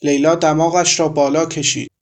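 A man reading a short story aloud as narrator, in a measured, even way. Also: fairly high pitch.

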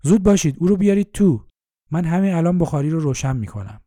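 Kind old station keeper, puzzled but welcoming, dark mellow voice, dry sound, a man voicing him in a storybook. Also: fairly high pitch, no room sound, close to an everyday voice. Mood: urgent. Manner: bewildered, hospitable.

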